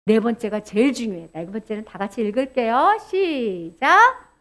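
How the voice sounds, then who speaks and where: A woman giving a children's sermon, animated and asking the children questions. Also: on the high side, fairly quick. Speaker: children's preacher.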